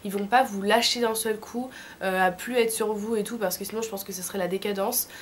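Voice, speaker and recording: A late-teen vlogger from France, sick with tonsillitis, speaks a little fast with fairly even intonation at a medium pitch. Her voice is thick and sore as she shares casual, slangy advice in her vlog, and slight background noise is audible.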